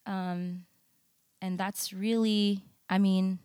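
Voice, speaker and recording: A young adult woman, a podcast guest who works as a nurse and photographer, talking reflectively with many pauses and ums. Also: mid-range voice, little pitch movement, mellow, clear, resonant tone, no room sound, studio quality. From United States. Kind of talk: casual interview conversation.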